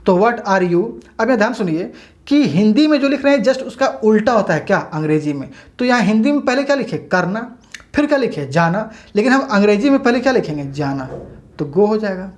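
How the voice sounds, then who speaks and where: A woman's voice: medium pitch, expressive, darkish tone. Woman teacher drilling English grammar. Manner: asks questions, then answers them herself, stretching out English words slowly. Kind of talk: classroom-style grammar lesson.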